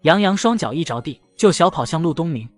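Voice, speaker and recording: A man narrating a cartoon story in a quick, brisk voice. His pitch is fairly high and moves a lot, and faint music runs beneath him. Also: expressive.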